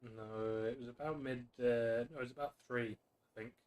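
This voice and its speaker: A man running a tabletop fantasy game as game master, narrating off the cuff in a halting, self-correcting way. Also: medium pitch, fairly even intonation, darkish tone.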